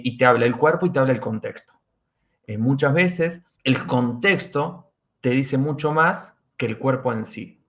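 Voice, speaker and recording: A man's voice: medium pitch, vocal fry, a bit bright. A middle-aged man with an Argentine accent, a forensic doctor guest on a podcast, explaining his work and repeating key phrases for emphasis. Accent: Argentine Spanish. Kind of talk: podcast interview.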